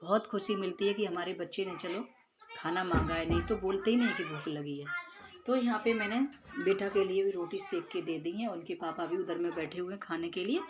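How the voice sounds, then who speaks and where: Over background noise, a mother in her thirties briskly narrates her home cooking and chores vlog in a lowish voice. It's a casual kitchen voice-over in which she explains every step with lots of fillers.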